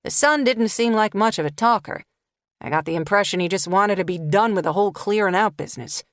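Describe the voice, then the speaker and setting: A woman's voice: medium pitch, brisk, dry recording, studio quality, natural voice. A woman narrator voicing a chatty, teasing male friend in an audiobook. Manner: teasing, casual.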